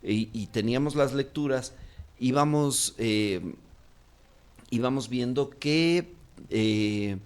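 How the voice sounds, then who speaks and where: Man, Quito Ecuadorian accent, mid-pitched, chatty interview guest, hesitant with lots of fillers. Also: slow, long pauses, clear, resonant tone. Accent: Quito Ecuadorian Spanish. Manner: rambling, many fillers and restarts. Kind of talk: casual interview talk.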